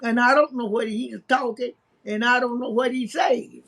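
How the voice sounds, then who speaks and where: An older woman, calmly telling stories in a casual chat. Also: a little high. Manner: unhurried storytelling, matter-of-fact about spirits. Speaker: grandmother on a live stream.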